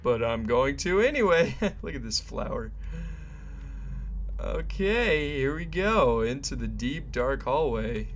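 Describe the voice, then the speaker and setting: While playing a horror game, a man keeps up casual, jokey let's-play commentary, chatting and muttering to himself. His voice is mid-range, animated and slow. There's a slight hiss or hum on the recording.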